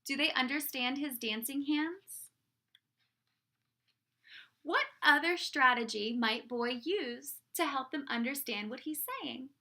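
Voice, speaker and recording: Brief: woman teacher, picture-book read-aloud, high bright voice, questions for kids. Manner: slow, expressive storytelling voice.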